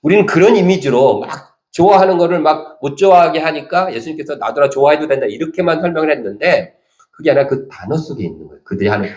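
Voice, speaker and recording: A male pastor delivers a sermon with a lively, swinging voice that sits a little high for a man. He acts out quoted speech as he goes. His voice rings through an echoey church hall. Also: fast. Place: church sanctuary.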